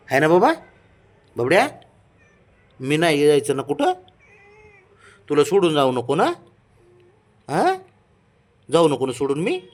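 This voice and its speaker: Man sweet-talking his cat in baby talk. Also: mid-range voice. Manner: repeats soft pleading commands. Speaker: cat owner vlogger. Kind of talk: casual home pet vlog.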